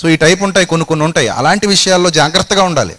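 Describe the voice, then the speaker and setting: A man's voice: on the high side, animated, very fast, fairly bright tone. A male preacher with a Telugu accent tells a story in a sermon and acts out each character's lines in voices of their own.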